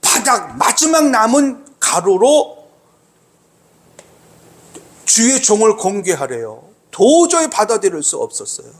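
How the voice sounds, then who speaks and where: Male pastor with a high voice, preaching emphatically and repeating key lines. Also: big pitch swings, slow pace, long pauses. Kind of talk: sermon.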